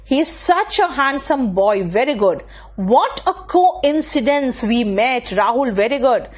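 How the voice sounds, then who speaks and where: A woman with an Indian accent teaching an English class online, reading students' sentences slowly and correcting them patiently, with fast asides in between. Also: high-pitched, lively intonation. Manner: slow, drawn-out reading of English sentences, quick in Hindi asides.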